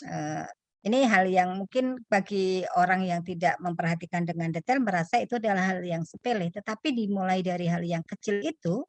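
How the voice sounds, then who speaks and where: A woman speaking as a webinar panelist, explaining earnestly and pausing often with hesitation fillers over a video call. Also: on the low side, no room sound.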